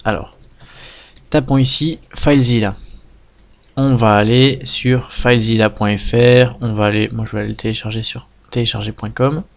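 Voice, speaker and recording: A man, patiently walking viewers through a software tutorial step by step, often checking "d'accord?". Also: mid-range voice. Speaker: web tutorial instructor. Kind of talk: screen-recorded software tutorial.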